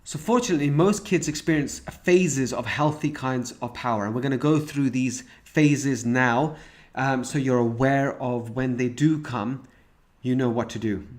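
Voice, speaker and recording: A man's voice: mid-range voice, measured pace, darkish tone. A man teaching a recorded parenting course, explaining each point step by step with frequent restarts. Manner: walks through examples and stages step by step.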